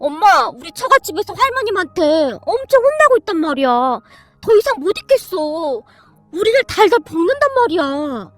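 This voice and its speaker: A woman's voice: very high voice, very animated, brisk, dry recording, faint music behind, voice pushed up. A woman voicing a whiny grown son who pleads and complains to his mother. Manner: whining, pleading.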